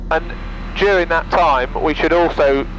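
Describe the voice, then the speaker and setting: A man's voice: fairly high pitch, unhurried. A man who pilots a small aircraft, chatting casually to his passenger as he flies. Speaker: pilot giving a passenger a flight. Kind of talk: casual chat while flying. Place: microlight cockpit in flight. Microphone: aircraft headset. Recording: dull cockpit headset, loud engine noise.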